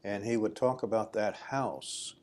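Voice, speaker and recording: Low-voiced American man, casual interviewer. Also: a little slow, a little mellow. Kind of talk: informal oral history interview, casual questioning.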